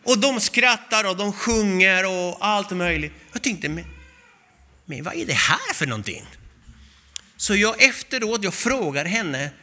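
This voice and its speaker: A male preacher with a high, very bright voice delivers a sermon. He tells stories with animation and acts out the voices of the people in them. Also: expressive.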